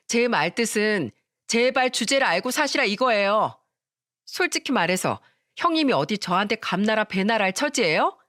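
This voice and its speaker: A snobbish young wife with a sneering, bossy tone, as a woman narrator puts her on. Her voice climbs high and swings wide when she jeers and threatens. The sound is close and dry, with no room around it. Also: fairly bright tone, no echo. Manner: mocking, shrill and bossy.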